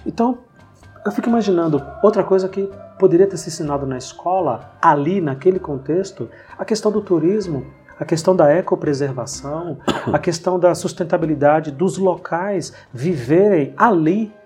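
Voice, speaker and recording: A man hosting a casual podcast conversation, telling anecdotes in a lively way. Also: on the high side, normal speed, breathy edge, soft background music. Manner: storytelling, animated retelling of anecdotes. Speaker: podcast host. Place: lives in São Paulo.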